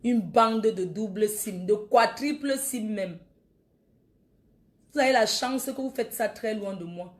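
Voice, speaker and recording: A woman's voice: a little high, darkish tone. A woman, ranting defiantly and taunting her critics on a Facebook live video. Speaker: social media livestreamer.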